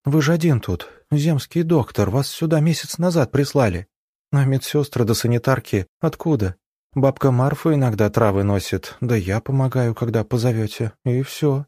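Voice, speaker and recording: A man voicing a wary young village woman who speaks quietly and guardedly. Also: mid-range voice, moderate pace, no room sound, clean studio sound, close to an everyday voice. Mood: wary, puzzled.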